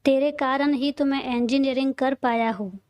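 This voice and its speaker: A woman's voice: high-pitched, steady tone, moderate pace, darkish tone, dry recording, close to an everyday voice. A woman voicing a cheerful, teasing young man who is a loyal friend, in a read-aloud audio story. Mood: friendly.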